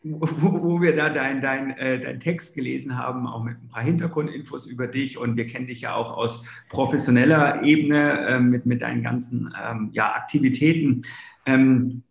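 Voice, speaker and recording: A man co-hosting a podcast who asks long, halting questions with many restarts. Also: mid-range voice, vocal fry. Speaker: podcast co-host. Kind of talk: conversational interviewing. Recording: roomy echo.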